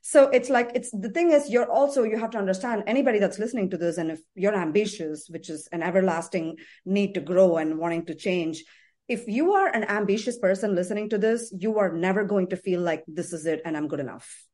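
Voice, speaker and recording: A woman's voice: mid-range voice, fairly quick, dark tone. A woman therapist in a podcast conversation, talking earnestly and repeating phrases for emphasis.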